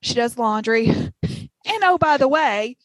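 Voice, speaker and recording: High-voiced Southern woman, passionate. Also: a little slow, no echo, poor audio. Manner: animated storytelling, passionate, chuckling asides. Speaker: podcast co-host. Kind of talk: casual chat.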